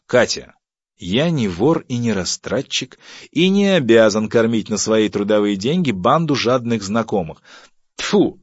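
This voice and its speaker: A man voicing a stingy, pompous middle-aged husband who lectures about thrift and turns shrill when provoked. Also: sing-song, moderate pace, no echo. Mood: pompous scolding. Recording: dull, dry audiobook recording.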